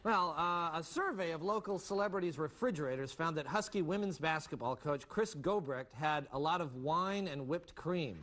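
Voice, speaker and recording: A man delivering deadpan jokes as the anchor of a comedy newscast. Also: on the high side, moderate pace, few pauses. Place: TV studio with live audience. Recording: broadcast with loud audience and noise.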